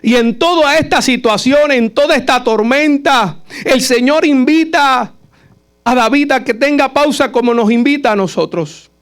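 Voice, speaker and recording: A man's voice: very high voice, moderate pace, fairly bright tone, clear, resonant tone. A man preaching at a Bible study, earnest and emphatic, repeating phrases to drive each point home. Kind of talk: sermon.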